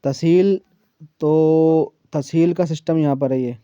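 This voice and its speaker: A man teaching a one-on-one Quran reading lesson, patiently explaining rules and repeating syllables slowly so they can be copied. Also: a little high, fairly even intonation, dark tone, clear, resonant tone, dry recording. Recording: dull lo-fi, dry sound.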